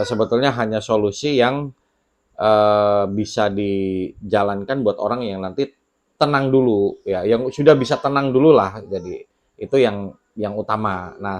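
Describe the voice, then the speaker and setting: Guy with a lowish voice chatting to camera from a little home studio, laid back, lots of ums. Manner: relaxed, conversational, with many fillers and pauses. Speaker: channel host sharing debt advice. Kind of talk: casual talk to camera. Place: small home studio with children heard nearby.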